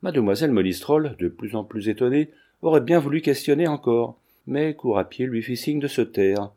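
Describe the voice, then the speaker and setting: A man narrating a classic novel in a steady, measured reading voice. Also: mid-range voice. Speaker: audiobook narrator.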